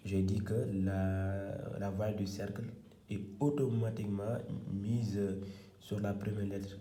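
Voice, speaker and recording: A man teaches letters at a board in a low, very dark and mellow voice, halting and correcting himself as he goes. He often drops to a near-whisper while writing. The room sounds echoey. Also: flat delivery, a little hiss or hum. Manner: halting, self-correcting, repeats words. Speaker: Quran and Arabic teacher. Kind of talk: hesitant whiteboard lesson.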